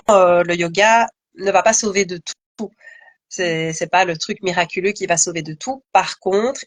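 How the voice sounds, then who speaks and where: A woman's voice: on the low side, dry recording. A woman, a guest yoga teacher, talking casually and thoughtfully in a live conversation, with many fillers and restarts.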